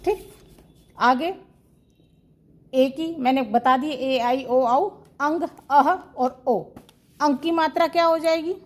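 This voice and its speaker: High-voiced woman teaching Hindi grammar. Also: slow, pauses often. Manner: asks questions and answers them herself, repeats key terms. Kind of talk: online classroom lesson.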